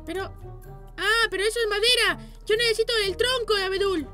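A performer voicing an excitable baby boy gamer playing Minecraft, in a squeaky sped-up voice. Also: fairly quick, music in the background. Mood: bossy. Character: chirpy baby boy gamer, bossy and jumpy. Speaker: channel host. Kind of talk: Minecraft let's play.

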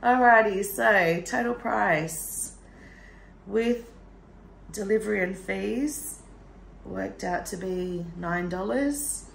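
Slow gravelly woman vlogger. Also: medium pitch, roomy sound, a little hiss or hum, rough recording. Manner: chatty, laughs often. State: morning voice. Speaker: travel vlogger. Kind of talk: casual vlog chat and narration.

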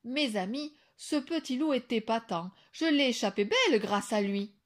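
A woman voicing a big, kind-hearted male wolf in an expressive storybook reading. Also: on the high side, moderate pace, close to an everyday voice. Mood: warm.

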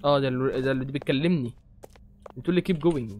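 A man's voice: medium pitch, fast, darkish tone. A young Egyptian man hosting a horror game playthrough, rambling and joking nervously. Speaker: gaming host.

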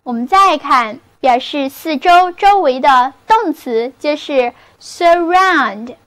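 High-pitched woman w/ mandarin accent doing a slow vocab lesson, spells words out and repeats them. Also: expressive, fairly bright tone. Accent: Mandarin Chinese. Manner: slow and careful, spells words letter by letter and repeats example sentences. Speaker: English vocabulary teacher.

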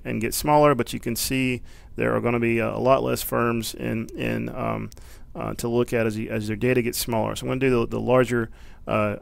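Gravelly man explaining a screencast tutorial. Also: mid-range voice, no room sound. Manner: relaxed, filler-heavy explaining. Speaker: business librarian. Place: office with bookshelves.

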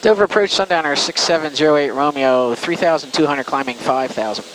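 A man's voice: fairly high pitch, brisk, background noise. A man piloting a small plane, making radio calls and remarks over a pilot headset. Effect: pilot headset intercom. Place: small plane cockpit in flight. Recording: aircraft drone behind headset audio.

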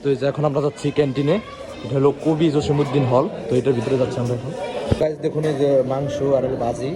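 Young male vlogger from Bangladesh, brisk and self-mocking, talks to camera on the move with heavy street noise behind him. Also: medium pitch, fairly even intonation. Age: young adult. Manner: chatty, self-mocking, addresses viewers as guys. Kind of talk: casual walking vlog. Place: outdoors on busy city streets and campus. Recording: loud traffic noise behind.

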